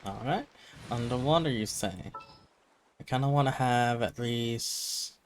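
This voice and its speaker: A man's voice: mid-range voice, a little slow, slight background noise. A man casually commentating on a game as he plays, with short, playful, offhand reactions. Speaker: game streamer. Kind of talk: casual live gameplay commentary. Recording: game music behind the voice.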